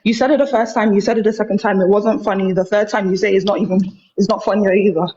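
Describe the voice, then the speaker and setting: A woman's voice: mid-range voice, steady tone, fast, warm tone. Woman, breathless, walking, insistent questioning, lo-fi call sound. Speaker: debate caller. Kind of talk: heated live call-in debate.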